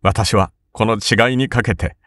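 A man's voice: fairly low pitch, a little slow, a bit bright, no room sound, pitched above the performer's own voice. A man voicing a timid samurai older brother who is frightened but determined, speaking in a trembling, urgent voice. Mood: urgent resolve.

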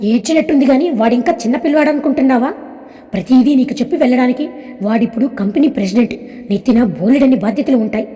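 Gruff older family patriarch, dismissive and scolding, read by a woman storyteller. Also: sits high, quick pace, dark tone, big-room sound, faint music behind, lightly acted.

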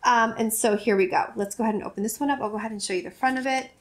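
A woman's voice: on the high side, rapid-fire. Gushing woman in her forties, vlogging. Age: 40s. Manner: effusive and gushing, rambling with many restarts. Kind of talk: casual chat opening fan mail.

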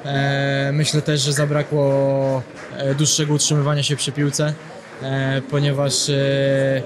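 A young footballer answering hesitantly with many fillers in a post-match interview, into a handheld microphone. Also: male voice, medium pitch, monotone, slow pace, crowd noise. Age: young adult. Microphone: handheld broadcast mic.

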